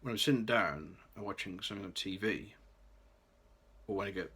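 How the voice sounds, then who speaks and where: At normal speed, a late-20s Birmingham man speaks in a low, bright voice that's slightly rough. It's a scripted personal vlog, delivered in a careful read-aloud way with some restarts.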